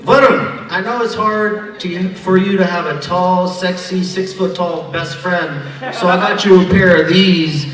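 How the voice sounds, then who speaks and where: A man's voice: sits high, fairly even intonation, unhurried, a bit bright. A young man giving a joking, teasing wedding toast as a groomsman. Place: hotel banquet hall. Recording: echoey hall from far off, crowd.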